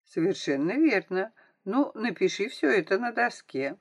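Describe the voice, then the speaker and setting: A patient woman schoolteacher who corrects her pupils gently and kindly, as read by a woman narrating a storybook. Her lively voice moves up and down a lot. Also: mid-range voice, normal speed, pitched above the performer's own voice. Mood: approving.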